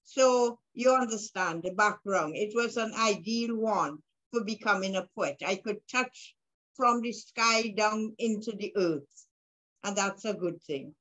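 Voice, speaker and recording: A woman's voice: mid-range voice, measured pace, a bit bright, poor audio. A woman in her sixties with a Vincentian accent, talking conversationally about herself as an interview guest. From Saint Vincent and the Grenadines. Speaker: guest, poet and author. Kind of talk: conversational autobiographical interview answer. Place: room at home indoors. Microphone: video call.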